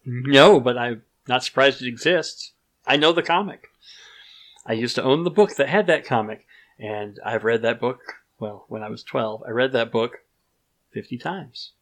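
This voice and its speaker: A man co-hosting a casual podcast, reading listener questions and chatting with animated, exasperated reactions. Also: mid-range voice, moderate pace. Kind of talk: casual chat.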